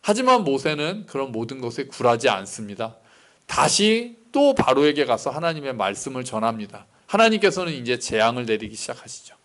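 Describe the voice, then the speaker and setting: A man's voice: mid-range voice, very animated, a little fast, a bit bright. A male pastor giving a sermon in a conversational, explanatory way, often asking rhetorical questions.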